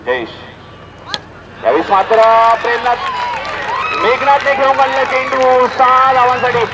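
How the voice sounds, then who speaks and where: His voice is very high and his pace normal as this Maharashtrian-accented man commentates live at an outdoor local cricket tournament. Between announcements he calls the play with emphasis and keeps repeating the score, against a loud, noisy crowd.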